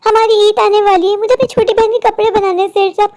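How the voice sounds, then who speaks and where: A poor young woman from a cartoon, the worried older sister of the family. She talks in a very high, thin voice, pleading and worn down. Her sorrow runs through every line. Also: steady tone, fast, a little mellow. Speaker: cartoon character. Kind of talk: Hindi cartoon voice acting.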